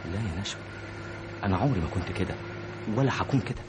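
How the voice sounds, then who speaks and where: An actor playing a young doctor who pleads softly with the woman he loves, in an old radio drama. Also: deep voice, expressive, quick pace. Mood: pleading. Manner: soft, pleading, insistent. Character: young doctor, secretly engaged, pleading lover. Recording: noisy old radio drama with car sounds.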